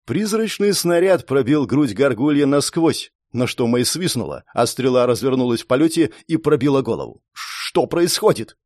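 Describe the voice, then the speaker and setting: A man's voice: medium pitch, sing-song, normal speed, hardly any pauses, a little mellow, no echo, clean studio sound. A man narrating a first-person fantasy story in a tense, dramatic reading style. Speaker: audiobook narrator.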